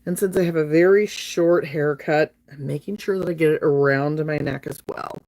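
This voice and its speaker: A woman in her fifties speaks with a low, deep-set voice. She talks to her viewers in a chatty, friendly way while doing her makeup on a livestream. A slight lingering cough stays with her. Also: moderate pace, a little mellow. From North Alabama, USA. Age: 50s.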